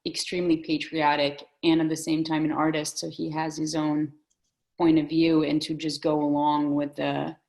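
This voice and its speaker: A woman's voice: deep voice, vocal fry, darkish tone, low-quality recording. A woman from the Soviet Union in a casual film discussion, talking thoughtfully and hedging her opinions. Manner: thoughtful, hedging, restarts often. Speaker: discussion guest.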